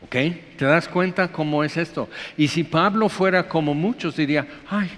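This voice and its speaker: A man's voice: on the high side, moderate pace, fairly bright tone. A man preaching a sermon in a conversational way, now and then mimicking the people he quotes. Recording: faint hiss, long reverb in a hall.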